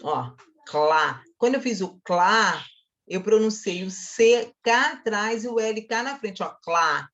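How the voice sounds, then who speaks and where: A woman teacher with a Brazilian accent giving a grammar lesson to schoolchildren, talking straight to her pupils and slowly sounding out syllables. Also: mid-range voice, lively intonation, a bit bright, dull audio. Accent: Brazilian Portuguese. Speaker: Portuguese teacher.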